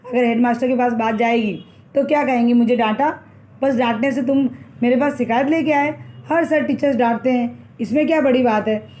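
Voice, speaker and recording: A woman's voice: high voice, mellow. A woman teacher retelling a textbook story as a lesson, repeating phrases and explaining the meanings of words.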